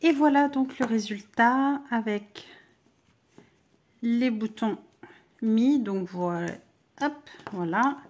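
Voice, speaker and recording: A woman's voice: fairly high pitch, slow pace, pauses often, a little mellow. A middle-aged woman hosting a crochet tutorial, chatting with viewers as she works. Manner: chatty, talks to viewers while working. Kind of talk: crochet doll-clothes tutorial.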